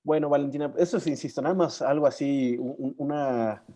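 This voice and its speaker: A man's voice: medium pitch, brisk, warm tone. A man moderating an online learning session over a video call, courteous and a little hesitant as he introduces people.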